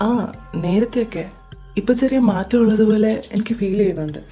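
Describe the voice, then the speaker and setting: A woman's voice: medium pitch, fairly quick, dark tone, soft background music, natural voice. A woman as a caring, protective older brother. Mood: coaxing concern. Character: caring protective elder brother, young man. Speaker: voice actor in fan audio drama. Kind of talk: audio drama acting.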